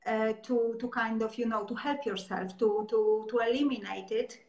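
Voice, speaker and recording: A woman's voice: fairly high pitch, fairly even intonation, moderate pace, a little mellow. A woman hosting an interview who asks long, searching questions and hesitates often as she phrases them. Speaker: interview host. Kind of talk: conversational interview. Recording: echoey room.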